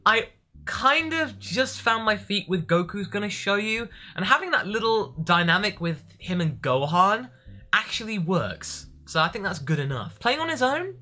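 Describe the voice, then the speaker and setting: A vlogger who also voices anime parodies answers viewer questions in a slightly high, pushed, bright voice. He speaks expressively, stressing and stretching words for emphasis.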